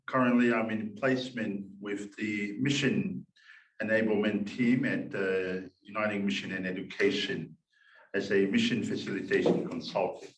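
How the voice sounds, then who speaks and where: A man from Tonga, a church minister, giving a formal welcome and introducing a speaker, pausing often with "uh". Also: fairly low pitch, roomy sound, distant mic, poor audio. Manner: slow and measured, many "uh" pauses. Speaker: minister and workshop host.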